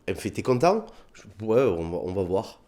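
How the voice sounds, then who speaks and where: A comedian with a southern French accent tells animated anecdotes in a casual interview, acting out bits of dialogue in put-on voices and using many fillers. His voice is on the low side, and he talks a little fast.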